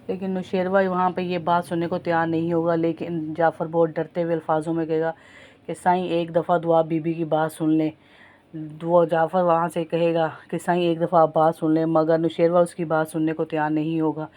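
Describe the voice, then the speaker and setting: Recapping a TV drama's plot at length in a casual way, a female reviewer talks to her viewers as friends and often corrects herself mid-sentence. Her low, dark, monotone voice runs on with hardly any pauses.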